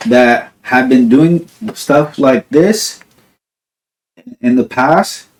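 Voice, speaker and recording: A young podcast host from New Jersey, USA, rambles in a laid-back casual chat, saying "like" and "dude" a lot. His voice is mid-range with drawn-out words, and a little hiss or hum can be heard.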